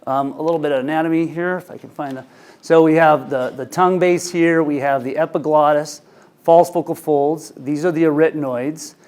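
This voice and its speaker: Here a man in his forties, working as an ENT physician, talks to fellow clinicians at a moderate pace, his slightly high voice darkish in tone and fairly even in intonation. He uses a handheld microphone in a conference room, and his manner is conversational and anecdotal, peppered with fillers.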